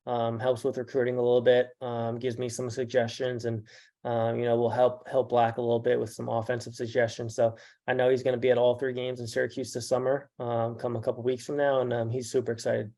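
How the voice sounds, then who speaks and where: A man who manages a basketball team, answering interview questions haltingly with many fillers. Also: mid-range voice, monotone, mellow. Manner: halting, with many ums and uhs.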